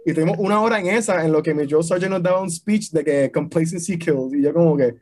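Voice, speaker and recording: A young man telling army stories in a casual podcast chat, slangy and animated, mixing Spanish and English. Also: a little high, fast talker, slight background noise. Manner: animated storyteller, slangy and swearing. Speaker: podcast guest, army veteran.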